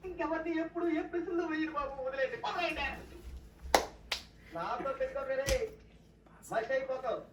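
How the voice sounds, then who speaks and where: Woman skit performer, high voice, roomy lo-fi, off-mic. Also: a little fast, pauses often, distant mic, heavy background noise. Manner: theatrical, shifting characters. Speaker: comedy sketch performer. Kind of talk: acted comedy skits. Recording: roomy, off-mic, dull lo-fi sound.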